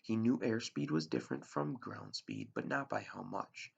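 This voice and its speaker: A teacher reads a novel aloud to his class in a storybook style, his delivery unpolished, sometimes stumbling and restarting. His voice is on the low side, gravelly with a breathy edge, swinging widely in pitch at normal speed, captured on a dull lo-fi recording.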